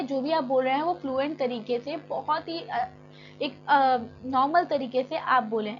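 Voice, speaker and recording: Woman teacher with a high voice. She reads lines slowly, then explains them chattily. The recording is dull and lo-fi, with a faint hum. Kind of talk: classroom lecture.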